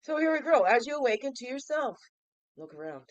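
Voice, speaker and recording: Pitched high with big swings and a fairly quick pace, this fifty-something woman sounds stuffy and nasal from a cold. She hosts a daily reflection show in a playful, chatty vlog style, asking listeners questions, with no echo.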